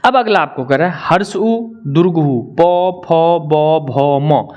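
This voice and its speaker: Young male teacher, slightly high-pitched, repeats syllables slowly, quizzes viewers. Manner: asks viewers to comment and answer. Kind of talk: Hindi grammar lesson.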